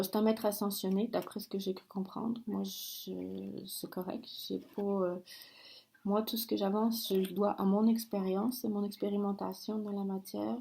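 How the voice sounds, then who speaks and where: A woman's voice: mid-range voice, gravelly, mellow. A woman giving a channeled oracle card reading in an earnest, firm way, often breaking off and restarting her sentences. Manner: earnest, halting, with frequent restarts and apologies; firm, warning tone. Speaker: spiritual card reader.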